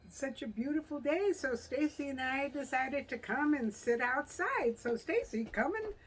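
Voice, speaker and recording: A woman's voice: high-pitched, animated, normal speed, reverberant. A middle-aged woman hosting a home cooking show, chatting cheerfully and giggling as she explains the recipe. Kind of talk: casual cooking chat. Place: home kitchen, later outdoors.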